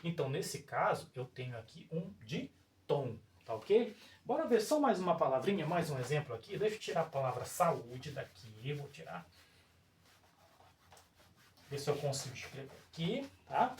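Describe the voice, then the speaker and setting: A teacher with a Brazilian Portuguese accent works through a whiteboard grammar lesson, with a pitch that rises and falls a lot. The teacher explains things step by step and keeps checking in with the viewers. The voice sounds distant, set in a roomy space with a bit of echo. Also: very animated, moderate pace, darkish tone. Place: room with a whiteboard. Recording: roomy echo, voice far from mic.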